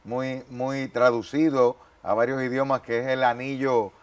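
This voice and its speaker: A man's voice: medium pitch, level tone, measured pace, clear, resonant tone. Male TV interviewer, formal, polite, faith program. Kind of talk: television interview.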